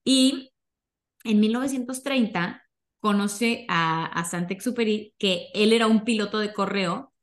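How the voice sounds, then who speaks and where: A young Mexican woman with a medium-pitched voice hosts a podcast, telling stories in an unhurried, casual way, as though gossiping with a friend.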